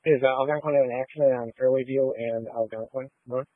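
A man's voice: mid-range voice, steady tone, fast, no room sound. Man, police officer, matter-of-fact, spells letters out, over a radio line, tinny phone-like sound. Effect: heard over a phone-like radio channel. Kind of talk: radio traffic calls. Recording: narrow phone-like radio audio, dry.

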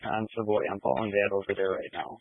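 A man's voice: on the low side, quick pace, slight background noise. A man working as a police officer, giving clipped, code-filled updates heard over a two-way radio. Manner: clipped, procedural radio codes. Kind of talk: terse radio traffic. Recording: tinny dry radio transmission.

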